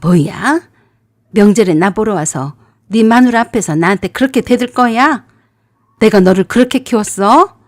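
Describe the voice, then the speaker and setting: Woman doing a shouting, scolding mother-in-law. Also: medium pitch, lively intonation, normal speed, dry recording, studio quality, natural voice. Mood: furious. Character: harsh scolding middle-aged mother-in-law.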